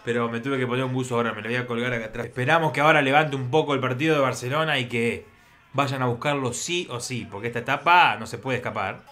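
A man giving live reactions to a football match, breaking into excited shouts at big plays. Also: mid-range voice, fast.

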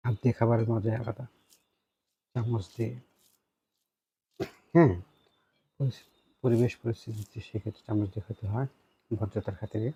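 Husky Bangladeshi man chatting through a mukbang. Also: lowish voice, steady tone, moderate pace, pauses often, dark tone. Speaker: food vlogger eating on camera. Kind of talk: casual mukbang eating show, chatting to viewers while eating.

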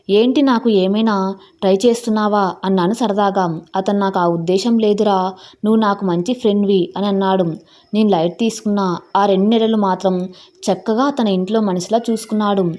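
ఒక స్త్రీ తన జీవిత కథను మొదటి వ్యక్తిగా, సంభాషణలతో సహా నిదానంగా చెబుతోంది. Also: female voice, mid-range voice, a little mellow. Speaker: story narrator. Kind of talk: first-person storytelling narration.

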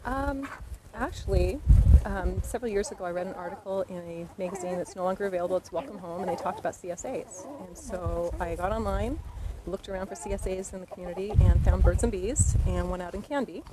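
A woman's voice: lowish voice, fairly quick, crowd noise. A woman in her thirties, a farm customer, answering interview questions outdoors in a chatty way with many ums. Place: outdoors in a garden.

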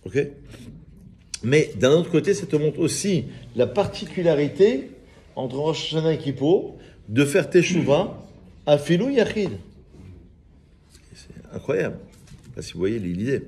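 A man, a rabbi giving an informal, lively Torah lesson and joking with his small group of listeners. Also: fairly high pitch, a little slow, long pauses. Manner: lively, teasing, chats with listeners. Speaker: rabbi teaching a class.

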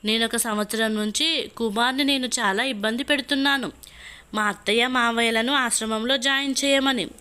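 A woman storyteller voicing a gentle young wife who speaks in a soft, pleading, sorrowful way, in a storybook reading. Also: fairly high pitch, fairly even intonation, moderate pace, smooth. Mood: remorseful.

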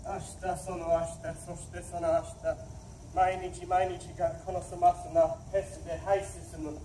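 A man reciting verse on stage in a slow, measured way. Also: sits high, level tone, dark tone. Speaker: performer reciting translations. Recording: echoey stage from far off, clear noise.

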